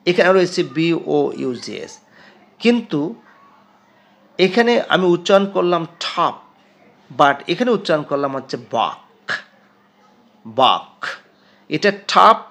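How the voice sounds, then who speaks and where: A man teaching an English pronunciation lesson to students, speaking with a Bengali accent and drilling words slowly and emphatically. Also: sits high, expressive. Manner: slow, emphatic word-by-word drilling, addressing students directly.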